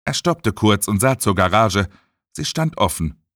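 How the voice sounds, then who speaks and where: A man reading an audiobook as narrator in a dramatic, expressive way. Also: lowish voice, measured pace, no echo, studio quality. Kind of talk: scripted narration.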